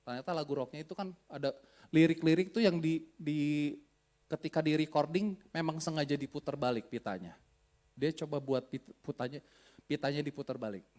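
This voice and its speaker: A man's voice: on the high side, normal speed, darkish tone. A man preaching an Easter sermon as pastor, joking with the congregation and breaking into song.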